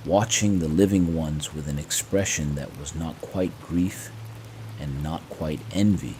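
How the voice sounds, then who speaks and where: A man with a very low voice tells a horror story in a hushed, creeping manner. He speaks very slowly, in measured phrases with dramatic pauses, over faint rain. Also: slight background noise, poor audio. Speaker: narrator of horror stories. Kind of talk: scripted horror story narration to fall asleep to. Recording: faint rain ambience behind. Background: soft rain sounds.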